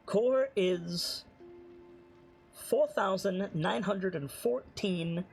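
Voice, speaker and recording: A man, the game master, voicing a clipped robotic custodian drone in flat machine-like announcements. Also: high-pitched, drawn-out words, creaky, soft background music, heavily acted.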